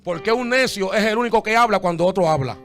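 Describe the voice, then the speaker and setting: A man preaching a sermon as pastor, swinging from hushed talk to shouts and calling his listeners "amado". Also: high-pitched, fast talker, faint music behind. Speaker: bishop, pastor.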